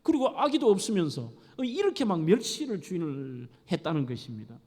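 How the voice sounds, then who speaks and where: A man's voice: high-pitched, big pitch swings, brisk, mellow. A middle-aged male pastor preaching a sermon with dramatic storytelling, acting out scenes. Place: church sanctuary. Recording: echoey church hall.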